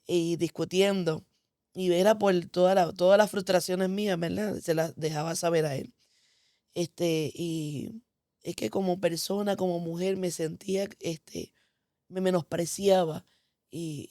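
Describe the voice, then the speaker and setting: A woman's voice: lowish voice, dark tone, dry recording, studio quality. A woman candidly telling her personal testimony, speaking with feeling and frequent "este" fillers. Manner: candid, emotional storytelling with many "este" fillers. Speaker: guest giving testimony. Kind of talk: conversational testimony.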